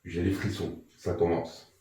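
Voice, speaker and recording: A man investigating an abandoned manor, murmuring remarks and then calling out loudly to spirits. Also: sits low, level tone, unhurried. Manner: hushed remarks broken by loud calls to spirits. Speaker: paranormal investigator. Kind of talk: live ghost-hunting commentary. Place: large abandoned manor indoors. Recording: echoey, off-mic in empty rooms.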